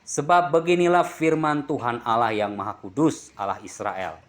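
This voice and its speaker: A male preacher delivers a chatty sermon. He jokes and keeps asking his listeners questions, and his voice sits at an ordinary middle pitch. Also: normal speed. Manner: lively, jokes and asks the congregation questions. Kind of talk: sermon with congregation responses.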